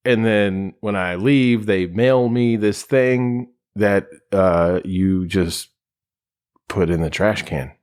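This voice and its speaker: A man's voice: fairly low pitch, takes it slowly, a little mellow, clear, resonant tone. A man co-hosting a podcast in casual chat, wry and joking, swearing freely. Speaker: podcast co-host. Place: home, separate from co-host.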